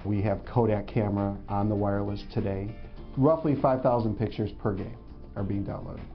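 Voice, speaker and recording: A man in his forties with a fairly low voice, matter-of-fact as he explains a network setup in a corporate testimonial. The sound is a bit muffled, with faint music underneath. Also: fairly even intonation, normal speed. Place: indoor studio before a logo backdrop. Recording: slightly dull audio with faint music.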